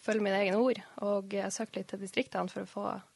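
A young woman with a North Norwegian accent talks casually as a guest in an interview. Her voice is creaky with some fry, and the sound is dry and close. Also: medium pitch, little pitch movement, a little mellow, no room sound. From Mo i Rana, northern Norway. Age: 20s. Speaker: interview guest, local journalist.

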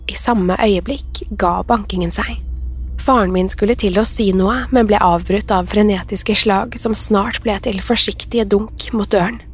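A woman narrating a horror story in a measured, suspenseful way. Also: medium pitch, husky, soft background music.

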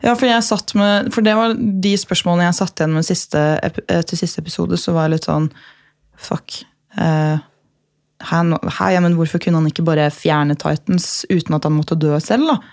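Norwegian lady host, excitable casual chat, swears a lot. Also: lowish voice, vocal fry, few pauses. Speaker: podcast host.

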